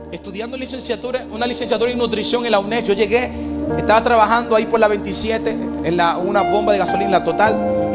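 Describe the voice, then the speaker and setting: Young male preacher, high voice, fervent sermon delivery, loud music bed. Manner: impassioned storytelling, building to shouts. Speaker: pastor.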